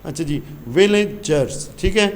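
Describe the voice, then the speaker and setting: Male teacher, high voice, mixes English phrases into explanations, roomy sound. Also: unhurried, slight background noise. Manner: mixes English phrases into Urdu explanations, asks and answers his own questions. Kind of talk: classroom lesson explaining English grammar.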